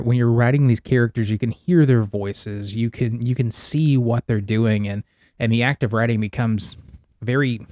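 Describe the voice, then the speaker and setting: A male podcast host talks casually at a middling pitch, sounding a little wheezy and congested, with some mouth breathing. The recording is dry and close, with very little room sound. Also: darkish tone, no echo. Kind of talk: casual solo podcast talk.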